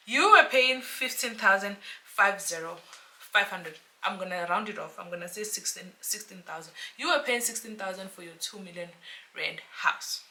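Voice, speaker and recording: Bright-voiced chatty South African woman. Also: mid-range voice. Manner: chatty, animated, talks to viewers as friends. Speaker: real estate agent. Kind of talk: casual explainer vlog to camera. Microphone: camera mic, self-filmed.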